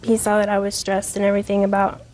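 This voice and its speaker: Flat, hesitant young woman plaintiff. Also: mid-range voice, quick pace, slight background noise. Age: 20s. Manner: hesitant, full of "um" and "uh".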